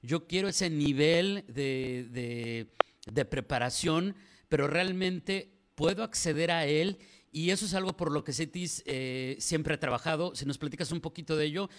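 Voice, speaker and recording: A man's voice: fairly high pitch, a little slow. A Mexican man in his forties hosting a morning radio interview from a small studio, asking long, winding questions. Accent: Mexican Spanish. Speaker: radio news host. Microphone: studio mic on stand.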